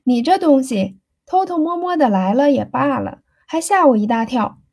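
A woman's voice: sits high, expressive, normal speed, a little mellow. A woman voicing a chatty, easily flustered young married woman in an audiobook reading, playful and evasive.

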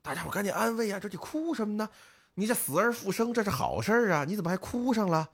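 A man, co-hosting a podcast and telling a folk tale in lively, casual speech, putting on the voices of the villagers. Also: sits high, fast talker, vocal fry, breathy edge. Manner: lively storyteller, acts out village voices, northern colloquial. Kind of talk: casual storytelling chat.

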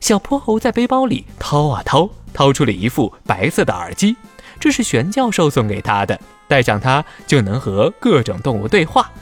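Man reading a kids adventure story, super expressive pitch swings, soft music behind. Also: moderate pace, breathy edge. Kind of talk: scripted children's story narration.

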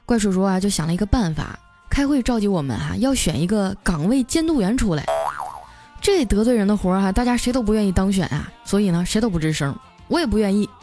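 A woman radio host, telling funny office stories in a lively, chatty way and laughing at her own punchlines. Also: medium pitch, quick pace, faint music behind. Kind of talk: comic storytelling.

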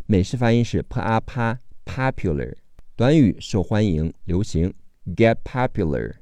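A man leads an English phonics lesson, breaking each word into letters and sounds at an unhurried, careful pace. His voice is low and mellow, with lively rises and falls in pitch. It is recorded close and dry, with no room sound. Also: dry recording. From China. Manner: slow, deliberate spelling out of sounds and letters. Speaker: English teacher.

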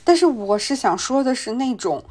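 A woman's voice: a little high, lively intonation, moderate pace, a little mellow. A woman co-hosting a podcast in casual chat, talking through her experiences and often agreeing with her partner. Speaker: podcast co-host.

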